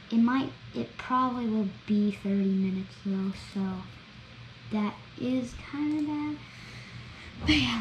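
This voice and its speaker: A woman talking through a video game as she plays, chatty and excitable, narrating each step. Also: on the high side. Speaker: gameplay vlogger. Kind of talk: gameplay commentary. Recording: roomy echo, faint background noise.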